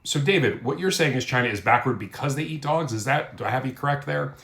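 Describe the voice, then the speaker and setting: A man's voice: mid-range voice, animated, quick pace, gravelly, a bit bright, reverberant. A man hosting a reaction commentary, scolding and indignant as he rebuts a clip. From United States. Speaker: commentary host.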